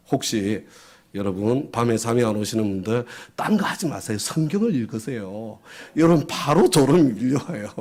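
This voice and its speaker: Man, pastor, sermon lesson, animated pitch, rhetorical questions, acts out quotes. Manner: lively, asks the audience questions and answers them; acts out little quoted voices for effect.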